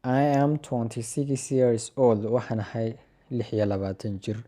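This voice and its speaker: In this language lesson, a man with a Somali accent works through English phrases using sample dialogues he translates. His voice is mid-range, and he delivers each English line slowly and raised before explaining it quietly.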